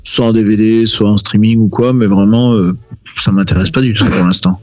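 A man's voice: on the low side, steady tone, a little fast, a little mellow, dry recording. A man on a podcast panel speaks plainly and without enthusiasm. His voice sounds dry and close to the mic. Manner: unenthused, plain-spoken. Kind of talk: casual film chat.

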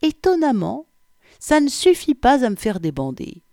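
A woman's voice: high voice, wildly swooping pitch, moderate pace, a little mellow, dry recording. A woman reading a first-person story as an audiobook narrator, with wry, vivid storytelling on a close microphone.

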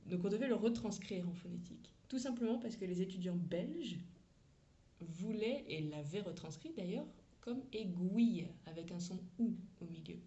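A woman's voice: medium pitch, animated, moderate pace, warm tone, dull audio. A woman who teaches English, talking through a lesson in a chatty, frank way with slang and asides. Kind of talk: casual teaching monologue.

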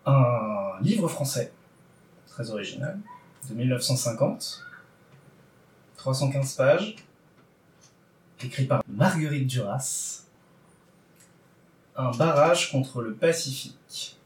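A man's voice: mid-range voice, lively intonation, takes it slowly, long pauses, distant mic. A man hosting a podcast segment, talking in a playful, wordy, teasing way. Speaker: podcast host running a book draw. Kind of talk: casual podcast chat. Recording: roomy, a little off-mic.

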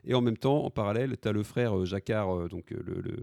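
A man's voice: lowish voice, a little fast, vocal fry, dark tone, no room sound, studio quality. A man hosting a casual podcast chat, laughing often and quoting film lines. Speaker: podcast host.

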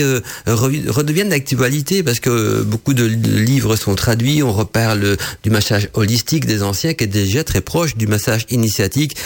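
A man with a nasal, slightly hoarse voice from a head cold, hosting a radio talk in a hesitant, explanatory way. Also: mid-range voice. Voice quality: nasal, congested voice. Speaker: radio show host.

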